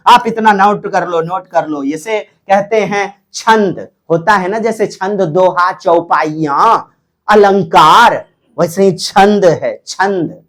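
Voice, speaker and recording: A male teacher giving an exam-prep lecture, drawing out words and repeating key terms. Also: high-pitched.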